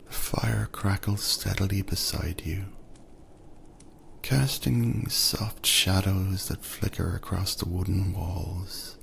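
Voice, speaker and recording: A man narrating a second-person sleep story in a soft, soothing voice that often drifts into whispers. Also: low voice, steady tone, takes it slowly, gravelly, slight background noise.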